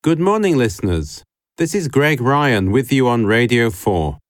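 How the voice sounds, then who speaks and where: A smooth radio host, played by a man, welcomes callers with a lively, rising and falling voice. The sound is dry and close, with no room around it. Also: medium pitch, a little slow, dry recording, soft background music. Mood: friendly. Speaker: radio call-in show host. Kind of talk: scripted educational dialogue.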